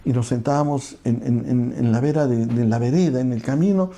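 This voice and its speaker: Earnest pastor, gravelly dark voice. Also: male voice, medium pitch, a little fast. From Peru. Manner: earnest storytelling, falling to a hushed prayerful tone. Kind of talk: sermon with personal story and prayer.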